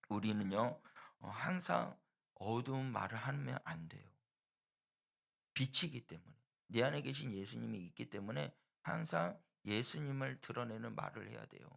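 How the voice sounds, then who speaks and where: A middle-aged South Korean man preaches a sermon as a pastor, earnest in tone, slowing down and swelling loud on key phrases. His voice is medium in pitch with vocal fry.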